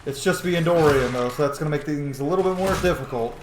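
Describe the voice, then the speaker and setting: Reacting to his game, this gamer delivers quick, sweary, casual commentary, talking through his thoughts and slipping into roleplay. His voice runs on the high side, and the home recording sounds roomy with faint noise.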